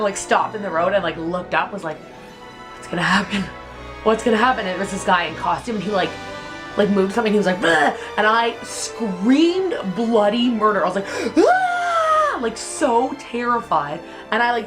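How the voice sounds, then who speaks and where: A young woman, telling childhood stories in a casual, chatty vlog, filling her speech with "like". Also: medium pitch. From Canada. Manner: chatty, heavy use of "like", animated retelling. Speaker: vlogger.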